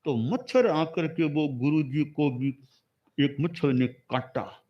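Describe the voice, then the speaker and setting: A man's voice: fairly high pitch, slow, muffled recording. A man preaching a sermon, telling a parable in a storytelling way and repeating key words to drive the lesson home. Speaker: religious preacher.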